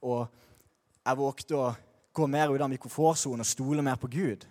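A man's voice: mid-range voice, steady tone, a little mellow, long reverb tail. A young man sharing a personal faith testimony in a candid, slangy way, with frequent restarts.

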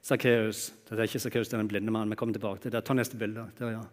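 A man preaching a sermon, moving between raised, emphatic lines and quiet, hushed ones. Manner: expressive, swings from loud exclamations to hushed low tones. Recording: long hall reverb.

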